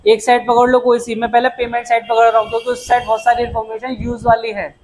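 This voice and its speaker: A man teaching an accounting lecture in a brisk, chatty way, calling students "beta" and "dost" and dropping English terms into his explanations. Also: extremely high pitch, completely flat delivery, rough recording. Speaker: commerce tutor. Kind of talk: classroom lecture.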